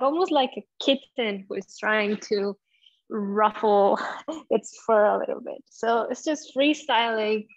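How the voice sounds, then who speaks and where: A woman yoga teacher guiding a class, giving soft, unhurried breathing cues and gentle movement instructions. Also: a little high, lo-fi sound.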